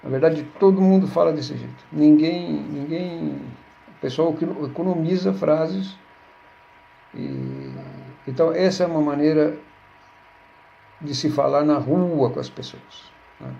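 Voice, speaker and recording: A man's voice: a little high, sing-song, measured pace, creaky, long pauses, mellow. A man teaching a Hebrew grammar lesson, patiently repeating words and checking with his listeners. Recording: dull lo-fi recording.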